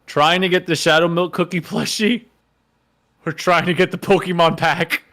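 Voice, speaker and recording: A man's voice: high-pitched, little pitch movement, normal speed, fairly bright tone. A man co-hosting a podcast, chiming in with short, playful remarks in casual chat. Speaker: podcast co-host.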